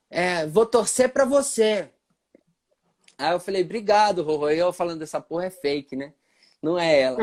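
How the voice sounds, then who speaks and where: Man, Paulista accent, high voice, casual live-chat storytelling, animated, acts out quoted lines. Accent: Paulista Portuguese. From São Paulo state, Brazil. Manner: animated, acts out quoted dialogue with pitch jumps. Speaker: percussionist guest.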